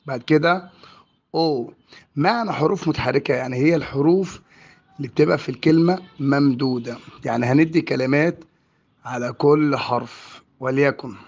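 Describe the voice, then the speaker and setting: A man with an Egyptian Arabic accent explaining French vowel sounds as a teacher, drawing out and repeating each example word. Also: a little high. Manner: slow and drawn out on example words, repeating each one. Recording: dull lo-fi recording.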